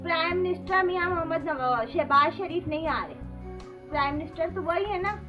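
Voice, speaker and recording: A woman talks through a casual village vlog in a high voice. She chats and teases with a joking edge. Clear background music plays under her words. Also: brisk. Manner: chatty, teasing, joking. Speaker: village life vlogger.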